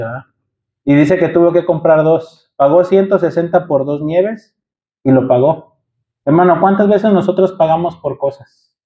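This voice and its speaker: High-voiced Mexican pastor preaching. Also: male voice, lo-fi sound. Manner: preaching with rhetorical questions, calling the congregation brothers. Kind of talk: sermon. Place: church.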